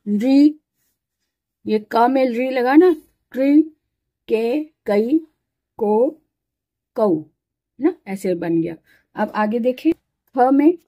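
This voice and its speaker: A woman's voice: on the high side, mellow, no echo. A woman teaching a Hindi alphabet lesson patiently, sounding out syllables one at a time and explaining each step. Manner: explains while writing, pointing at letters.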